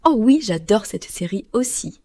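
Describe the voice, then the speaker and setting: A woman co-hosting a learners' podcast, speaking clearly and slowly like a teacher. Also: mid-range voice, animated, a little mellow, no echo. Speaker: podcast co-host. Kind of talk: scripted podcast dialogue for learners.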